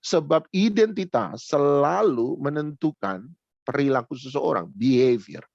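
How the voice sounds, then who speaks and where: A man's voice: fairly high pitch, lively intonation, a little slow, gravelly, a little mellow, no echo, highs cut off. A man preaching a sermon, telling a personal story and repeating phrases for emphasis. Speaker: pastor.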